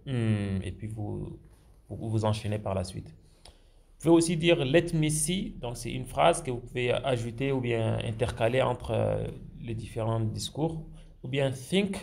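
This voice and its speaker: Gravelly-voiced man teaching slowly. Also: a little mellow. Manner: slow, hesitant, many fillers; speaks English phrases higher and slower. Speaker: English teacher. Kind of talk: screen-share language lesson.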